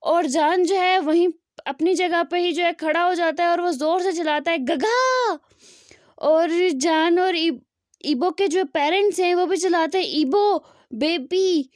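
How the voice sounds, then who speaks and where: A woman's voice: very high voice, steady tone, normal speed, no room sound, studio quality. A young woman narrating a fan-fiction story in a casual, chatty way, full of fillers.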